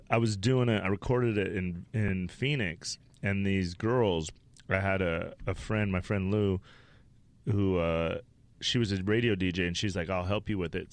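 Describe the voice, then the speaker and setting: A man's voice: on the low side, no room sound. A man from Wyoming, a stand-up comedian, telling rambling, profane stories as a podcast guest. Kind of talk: casual interview storytelling.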